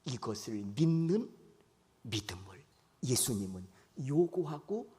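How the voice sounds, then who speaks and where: A man's voice: mid-range voice, big pitch swings, takes it slowly, warm tone. A man preaching a sermon as pastor, questioning his congregation and acting out the lines he quotes. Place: church sanctuary. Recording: long church hall reverb.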